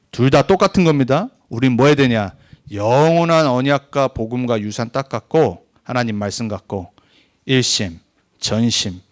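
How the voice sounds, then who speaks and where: A male pastor delivers a sermon in an earnest, exhorting way. His voice sits at a middle pitch, and it leaps upward when he stresses a point. Then it settles back into calm pleading.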